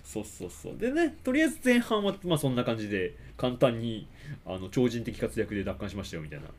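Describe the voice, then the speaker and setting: Fast animated man retelling a movie. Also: medium pitch. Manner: animated retelling, acts out lines with voices. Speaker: podcast co-host. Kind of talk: casual movie chat.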